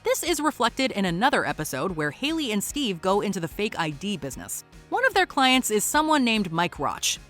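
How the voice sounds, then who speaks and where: Lively wry countdown narrator. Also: mid-range voice, a little fast, few pauses, soft background music. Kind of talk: scripted voice-over narration.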